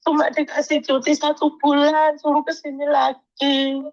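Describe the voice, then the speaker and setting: A woman's voice: sits high, level tone, moderate pace, lo-fi sound. A woman migrant worker calling in, in pain and crying, speaking plaintively and politely. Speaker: caller, migrant domestic worker.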